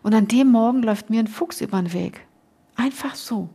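A woman's voice: on the high side, brisk, gravelly, mellow, breathy edge. A middle-aged woman, a podcast guest, earnestly telling a personal story in casual conversation, emotional and full of restarts.

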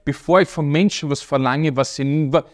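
A man's voice: a little high, fairly even intonation, brisk. A man interviewing a guest, talking in long emphatic ramblings with frequent restarts. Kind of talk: casual interview talk.

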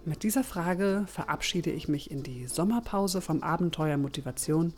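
Casting: a female podcast host with a low voice, storytelling narration, direct and formal to listeners. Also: moderate pace, soft background music. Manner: warm, addressing listeners formally.

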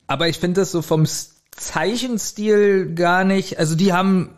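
A man with a high-sitting voice chats casually as a podcast co-host, reviewing an audio drama informally as he goes. He sounds unhurried with fairly even intonation, recording remotely at a computer.

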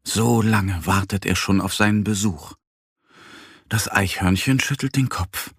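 A man narrating a children's story slowly and gently, with a husky voice. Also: on the low side, dry recording, studio quality. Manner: slow, gentle, expressive.

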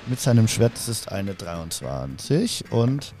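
A man running a tabletop game as game master, talking in a halting way with many fillers. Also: very animated. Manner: hesitant, many fillers, jumps into high shouted character voices.

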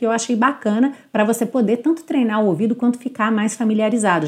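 A woman from Brazil teaching English pronunciation, explaining patiently and drawing out English lyrics slowly. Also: medium pitch, a little mellow. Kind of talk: pronunciation lesson.

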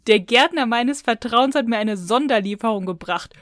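This woman's voice sits fairly high and moves at a moderate pace. As a podcast co-host reviewing audio dramas, she chats and retells things in a colloquial, wandering style, recorded in studio quality with no room sound.

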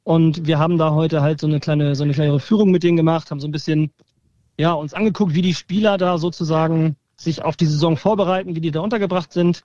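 A man speaks over the phone, calling in to report live. His voice sits fairly high, and the line sounds dull and dry. He talks in a relaxed, chatty way, with pauses and fillers as he describes things. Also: no room sound. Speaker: fan blogger calling in from training camp.

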